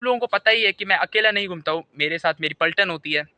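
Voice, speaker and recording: A young man telling a comic monologue to camera, animated storytelling that keeps circling back to a catchphrase. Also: high voice, fast, no echo. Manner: animated storytelling, keeps repeating "bhai sahab". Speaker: comedy vlogger. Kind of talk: stand-up style comic monologue.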